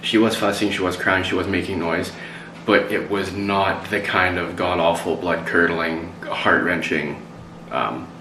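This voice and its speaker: Deep-voiced man, roomy and distant. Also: unhurried, few pauses. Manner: relaxed, hesitant with ums, playful slang. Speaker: vlogger parent. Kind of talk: casual chat. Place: home. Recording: roomy and distant from the mic, faint noise.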